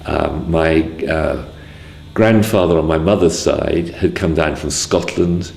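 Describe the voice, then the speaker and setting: A man in his sixties from Wales, recalling his early life in a hesitant way, with many pauses and restarts. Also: extremely low pitch, vocal fry, a little mellow, roomy sound, a little hiss or hum. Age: 60s. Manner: hesitant, full of ums and restarts. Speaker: interviewee. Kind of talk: casual spoken memoir.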